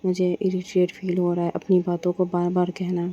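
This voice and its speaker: A woman's voice: on the low side, completely flat delivery, normal speed, mellow, lightly acted. A woman voicing a teasing, stubborn young woman who insists on getting her way, in a story. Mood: insistent. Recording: dull lo-fi with faint noise.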